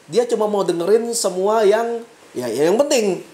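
A woman vlogger telling a story in a casual, slangy monologue, dropping to low asides and rising into emphatic bursts. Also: expressive, normal speed, warm tone. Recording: echoey room.

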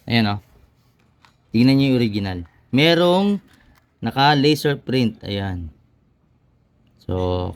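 A man hosting his own channel, showing motorcycle parts in a casual how-to demonstration with frequent tag questions and pauses. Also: medium pitch, a bit bright. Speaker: motorcycle mechanic and channel host.

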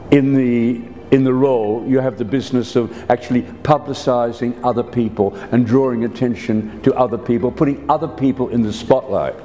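A man in his seventies with an Australian accent reflects in interview style. He has a town crier's theatrical, ornate delivery in a warm, mellow, mid-pitched voice. Music plays behind him. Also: big-room sound. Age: 70s. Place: panelled indoor sitting room, seated.

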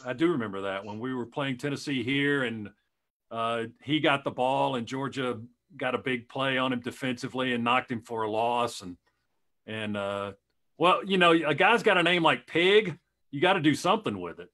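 A man's voice: mid-range voice, normal speed, pushed and bright. A middle-aged man, a radio play-by-play announcer, chatting casually on a video call and rambling through stories with many restarts.

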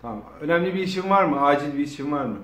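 An off-camera man orders the others around in an improvised family comedy skit, casually prompting and directing them. His fairly bright, high voice races along with lively intonation, and the recording carries a roomy echo and faint noise.

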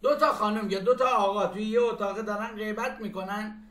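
A man teaching German phrases, who explains each one and repeats the German sentences slowly. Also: high voice, fairly even intonation, bright, forceful tone, echoey room. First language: Persian. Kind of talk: language lesson.

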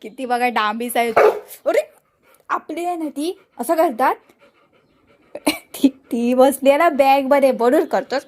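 Woman, high voice, slow talk, coaxing and scolding pets, pet vlog host. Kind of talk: talking to her pets on camera.

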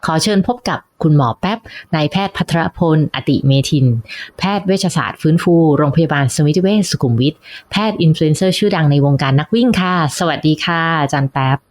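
A woman's voice: sits low, a little fast, darkish tone. A woman physician hosting a podcast interview, friendly and polite in a chatty way.

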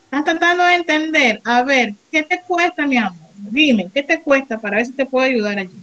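A woman's voice: sits high, a little fast, fairly bright tone, muffled recording. A woman English teacher with a Panamanian Spanish accent, coaching students in an online class, encouraging and praising, switching between Spanish and English.

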